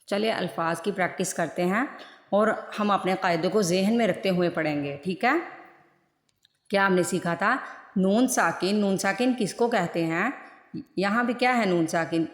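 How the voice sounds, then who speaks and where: A woman with a fairly low voice teaches Quran recitation rules. She goes over each point more than once and puts questions to the listener. The room is echoey, with a long reverb tail. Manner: repeats points and asks questions to the viewer. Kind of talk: online recitation lesson.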